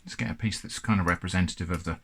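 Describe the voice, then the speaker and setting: A man's voice: low-pitched, fairly even intonation, rapid-fire, gravelly, fairly bright tone, slightly rough. An English man hosting a casual food review, chatty and thoughtful with a self-deprecating touch.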